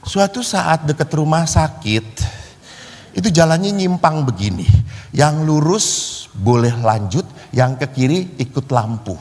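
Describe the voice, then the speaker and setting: Animated priest in an echoing church. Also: male voice, fairly high pitch, measured pace. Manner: animated, acts out quoted voices with shouts. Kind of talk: humorous sermon storytelling. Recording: long reverb of a large hall.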